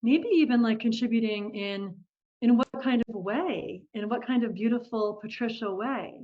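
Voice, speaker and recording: A woman's voice: on the high side, moderate pace. Upbeat woman coaching on a video call. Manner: upbeat and encouraging, laughs often. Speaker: coach leading an online workshop. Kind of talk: live group coaching session. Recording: dull lo-fi video call audio.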